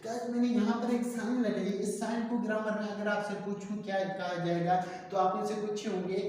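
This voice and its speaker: A man's voice: sits high, level tone, a little mellow. Echoey, distant male English teacher. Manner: explains step by step, drawing out English example sentences slowly. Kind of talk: spoken grammar lesson. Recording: very echoey room, voice far from mic.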